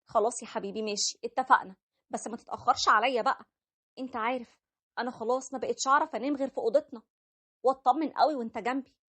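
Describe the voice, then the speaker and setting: Woman doing a sweet egyptian young wife, bit high, fast talker, playful, animated story. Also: breathy edge. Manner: playful and pleading.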